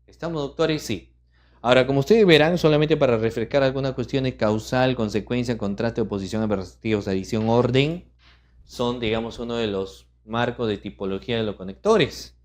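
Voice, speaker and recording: In an online legal writing lesson, a middle-aged man with an average pitch leads a workshop for lawyers. He reads lists of terms in a steady, measured cadence and frequently pauses to check in with students through rhetorical questions.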